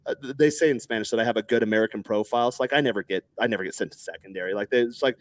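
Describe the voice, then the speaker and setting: Brief: man in his thirties from Texas, animated storyteller in a rapid, dry-sounding podcast chat. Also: lowish voice, no room sound. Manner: animated, acts out other people's lines in raised voices, swears freely.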